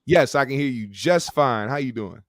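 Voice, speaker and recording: A man's voice: mid-range voice, expressive, moderate pace, dry recording, clean studio sound. A man hosting a call-in show, talking casually in a slangy, profane, opinionated conversational way. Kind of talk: casual opinionated rant and chat.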